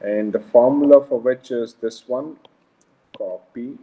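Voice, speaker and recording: A man's voice: medium pitch, unhurried. South Indian male lecturer, dull call audio. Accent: South Indian, Kannada. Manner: informal, frequent questions to students, repeats phrases. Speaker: engineering lecturer. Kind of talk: live online lecture, explaining step by step. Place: online class over a video call, screen shared.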